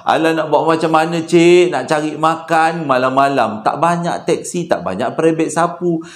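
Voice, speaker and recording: A man's voice: on the high side, normal speed, lightly acted. A man voicing a frightened old male unlicensed taxi driver who cries out prayers in panic. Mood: wheedling. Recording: roomy echo.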